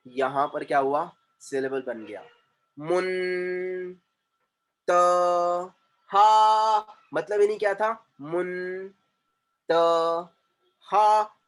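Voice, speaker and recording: A man, a communication trainer teaching an online class, drawing out syllables slowly and quizzing his students. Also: fairly high pitch, a bit bright.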